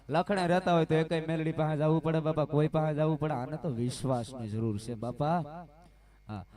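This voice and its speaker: A man, telling devotional stories in a sermon-like way, breaking into sung refrains at a live gathering. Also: mid-range voice. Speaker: devotional singer and storyteller. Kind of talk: live devotional storytelling with singing. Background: loud music with guitar.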